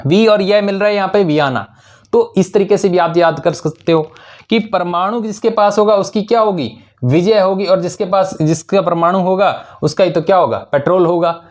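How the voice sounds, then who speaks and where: Speaking at a moderate pace in a high voice, a man teaches an exam-prep session using memory tricks. He asks questions, supplies the answers himself, and repeats key words to drive them home.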